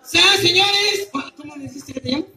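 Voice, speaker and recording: Mexican clown guy, high voice, loud and joking, echoey noisy street recording. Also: a little fast, far from the mic. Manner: loud, teasing, calling out to the audience. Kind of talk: outdoor clown comedy show with crowd. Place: outdoor public square.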